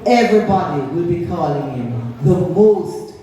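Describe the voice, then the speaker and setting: High-voiced Jamaican man giving a rally speech. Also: lively intonation, a little slow, dark tone. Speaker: political party speaker. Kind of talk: impassioned political rally speech. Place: large hall at a party conference. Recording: very echoey hall, far from mic.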